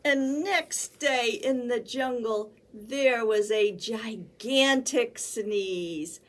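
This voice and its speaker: Drawing out her words, a woman with a fairly high voice reads a picture book aloud to children as a storytime librarian. Her performance is sing-song and theatrical, with animal sounds and sneezes acted out.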